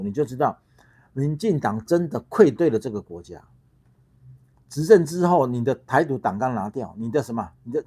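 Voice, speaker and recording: A man's voice: mid-range voice, a little mellow, slightly rough. A middle-aged man from Taiwan, a party founder hosting a heated political livestream, ranting with rhetorical questions, repeated words and swearing.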